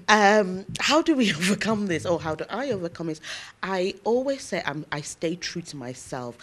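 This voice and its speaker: A woman lecturer answering interview questions in an earnest, emphatic way, often pausing with "um" as she thinks aloud. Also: lowish voice. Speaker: interview guest, university lecturer.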